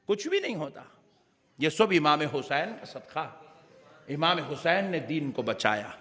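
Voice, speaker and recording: Fervent high-voiced male preacher. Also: sing-song. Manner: fervent oratory with repeated refrains, rising to shouts. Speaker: Islamic preacher. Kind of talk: impassioned sermon. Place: religious gathering with a live audience. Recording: long hall reverb.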